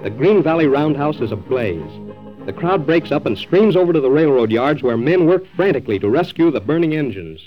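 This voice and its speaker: A man's voice: a little high, very animated, brisk. A man announcing in a dramatic old-time radio narration style. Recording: lo-fi old radio recording, faint music.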